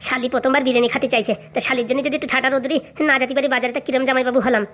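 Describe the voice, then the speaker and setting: A woman's voice: high-pitched, level tone, racing, a bit bright. A woman doing a trusting bald village brother-in-law.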